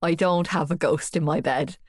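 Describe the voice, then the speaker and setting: A woman's voice: steady tone, normal speed, no room sound, studio quality. A woman doing a teasing teen boy. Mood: amused. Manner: lowered, soft teasing tone. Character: teenage boy, big, teasing and gently amused.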